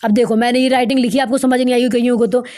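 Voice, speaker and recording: A young woman teaching English vocabulary as a lesson, explaining each word and repeating key terms slowly for emphasis. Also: on the high side, little pitch movement, warm tone. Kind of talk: Hindi-language vocabulary lesson.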